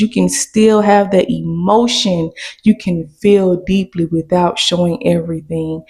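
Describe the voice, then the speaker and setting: A woman's voice: fairly low pitch, warm tone. A woman hosting a podcast, giving an emphatic motivational monologue with repeated affirmations, addressing the listener as love and baby. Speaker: podcast host.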